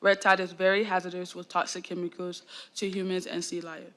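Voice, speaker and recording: A young woman student from Florida, reading a prepared class presentation in a steady read-aloud delivery. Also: on the low side, a little fast. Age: young adult.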